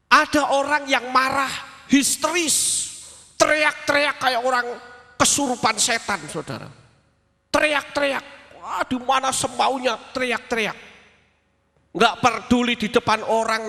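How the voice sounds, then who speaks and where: A man preaching a sermon as pastor, telling stories in an animated way and acting out voices and sounds. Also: high voice, long reverb tail.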